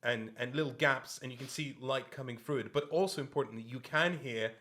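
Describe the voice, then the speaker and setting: A man's voice: mid-range voice, sharp tone. Man running a tabletop game. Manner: halting, chatty, laughs often. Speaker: game master.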